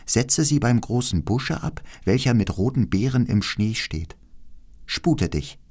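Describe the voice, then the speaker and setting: A man's voice: mid-range voice, unhurried, breathy edge. A man doing a grave old wise woman. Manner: calm, grave, instructing. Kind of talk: audiobook fairy-tale reading.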